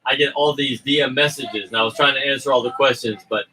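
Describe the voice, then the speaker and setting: A man's voice: mid-range voice, quick pace, sharp tone, slight background noise, rough recording. A man co-hosting a casual livestream, bantering in a joking, teasing and rambling way. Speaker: livestream co-host promoting a crowdfunding campaign.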